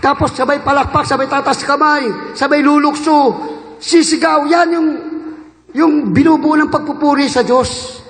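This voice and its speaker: A man in his fifties, from the Philippines, preaching a fervent sermon that swings between loud shouts and quiet asides, recorded in a church hall. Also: extremely high pitch, fairly even intonation, normal speed. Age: 50s. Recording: echoey hall with long reverb.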